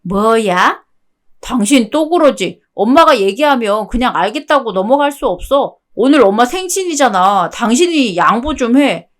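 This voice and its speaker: A woman's voice: on the high side, lively intonation, moderate pace, natural voice. A woman voicing a stubborn young husband who pushes and blames, siding with his mother in a radio drama. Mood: blaming. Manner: pushy, blaming. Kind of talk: Korean radio drama dialogue.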